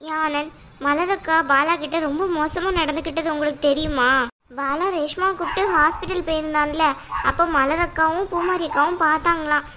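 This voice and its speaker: A woman voicing an upset, sharp-tongued young wife in a cartoon. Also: sits high, fairly even intonation, a little fast. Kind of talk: cartoon voice acting.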